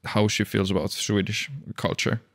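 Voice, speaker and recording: A man speaking as a podcast guest, hesitant with many pauses and uhs. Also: on the low side, little pitch movement, creaky, a bit bright, no room sound, clean studio sound. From Finland. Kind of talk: casual conversation.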